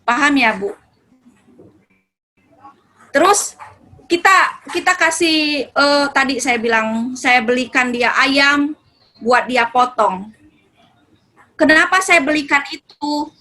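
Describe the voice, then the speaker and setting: A woman's voice: high voice, takes it slowly, long pauses, bright, forceful tone, rough recording. A woman speaking as a religious parenting speaker, answering questions in a casual, conversational way and sometimes acting out talks with children. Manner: conversational, acts out mother-child dialogue. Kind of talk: answering audience questions in a seminar.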